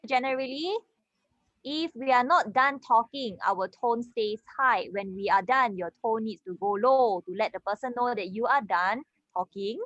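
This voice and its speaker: A woman's voice: a little high, normal speed, a bit bright, no room sound, dull audio. A woman with a Singaporean English accent teaching an English reading class, explaining step by step and checking in with her students. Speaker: English tutor. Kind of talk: online class lesson.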